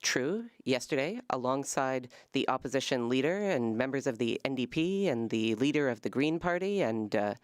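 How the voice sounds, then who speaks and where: An interpreter giving a live, measured rendering of a parliamentary debate in halting phrases. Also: mid-range voice, lively intonation, dry recording, studio quality.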